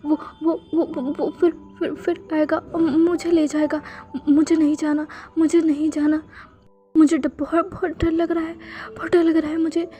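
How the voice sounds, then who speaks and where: A woman's voice: sits high, level tone, moderate pace, warm tone, faint music behind, voice pushed up, lightly acted. A woman voicing a terrified young man who stammers out panicked pleas after a nightmare.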